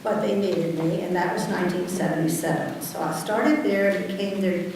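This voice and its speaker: A woman's voice: lowish voice, normal speed. Older Southern woman in echoey hall. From Virginia. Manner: storytelling, conversational. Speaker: panelist. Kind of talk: panel talk. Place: conference hall. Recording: echoey hall, distant mic, hum.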